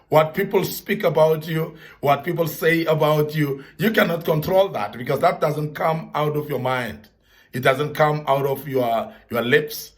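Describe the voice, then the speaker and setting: Earnest high-voiced man giving advice. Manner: earnest, repetitive emphasis, Bible references. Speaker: speaker giving advice to young men. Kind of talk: motivational talk.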